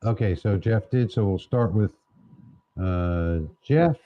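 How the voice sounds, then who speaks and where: A man's voice: lowish voice, slow pace, narrow, tinny audio. A man from Louisiana hosting a casual livestream, chatting easily while running a prize drawing on a wireless mic. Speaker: livestream host.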